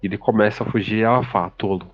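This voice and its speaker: A man with a Brazilian Portuguese accent giving a casual, hurried plot recap and commentary on a manga, chaining events flatly one after another. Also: medium pitch, vocal fry, highs cut off. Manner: flat, hurried retelling chained with "e". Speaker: manga reviewer.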